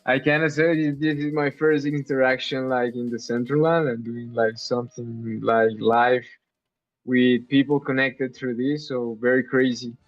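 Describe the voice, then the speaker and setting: A man's voice: mid-range voice, fairly even intonation, normal speed. Eager male guest artist, lo-fi sound. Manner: enthusiastic, repeats words, fillers like "like". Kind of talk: casual interview conversation. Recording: dull lo-fi with faint music behind.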